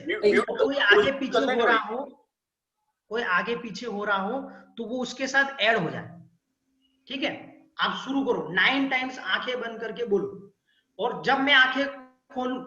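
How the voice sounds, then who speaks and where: Guy teaching and leading a chant, bright forceful voice, drags out each vowel, roomy dull video call sound. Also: very high voice. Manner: checks in often with "ठीक है ना". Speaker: spiritual teacher. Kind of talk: instructive talk leading a group chant.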